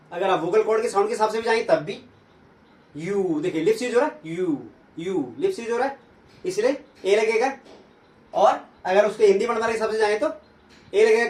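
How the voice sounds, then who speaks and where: A man teaches grammar to a class, posing questions and then answering them, and he slowly repeats each sound. His voice sits high. He is picked up from some way off, and the room echoes. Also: darkish tone, distant mic. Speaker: English teacher.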